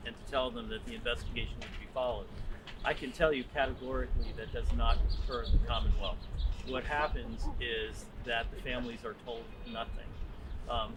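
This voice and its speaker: Measured male attorney with background noise. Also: medium pitch. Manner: measured, deliberate, with frequent fillers. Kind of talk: press conference answers. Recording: noisy press conference recording.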